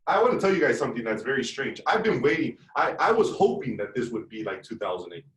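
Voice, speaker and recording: Energetic coach-type man, roomy distant audio. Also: mid-range voice, fast. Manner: energetic, repeats himself, coaching. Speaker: brokerage leader running team meeting. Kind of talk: motivational team talk. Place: room on a video call.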